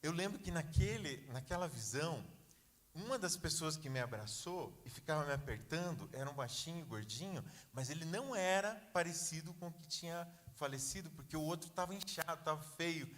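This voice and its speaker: A pastor tells his story from the pulpit in a loose, conversational sermon, with frequent asides to the congregation. His voice sits a bit high for a man. The sound carries the long reverb of a church hall. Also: lively intonation, fairly quick, a bit bright.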